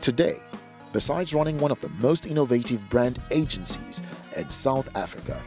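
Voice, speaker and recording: Male announcer over loud music. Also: mid-range voice. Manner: formal announcer delivery. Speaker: narrator. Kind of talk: scripted narration.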